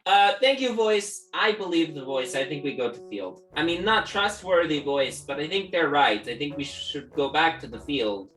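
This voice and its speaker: A woman playing in a tabletop game who jokes around in a lively way, with fillers. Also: sits low, moderate pace, few pauses, faint music behind, poor audio. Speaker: player. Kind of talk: casual tabletop play.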